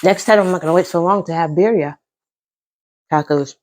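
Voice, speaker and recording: A woman's voice: lowish voice, normal speed, darkish tone. A middle-aged American woman chatting casually to viewers as she eats, with savoring mms between bites. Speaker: mukbang host. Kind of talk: casual chat to viewers while eating.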